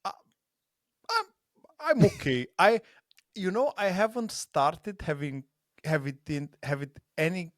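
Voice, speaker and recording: A man's voice: on the high side, expressive, measured pace, pauses often, no room sound, studio quality. A man around forty from Romania, a native Romanian speaker, chatting casually as a podcast guest with a rambling, laughing manner. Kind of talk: casual video-call chat.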